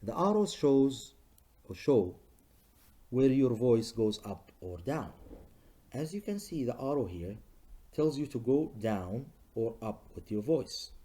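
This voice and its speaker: A male English teacher giving a recorded lesson to students, talking slowly and patiently and saying each example sentence several times. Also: medium pitch, expressive, warm tone, slightly rough. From Libya. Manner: slow, patient, models sentences by repeating them.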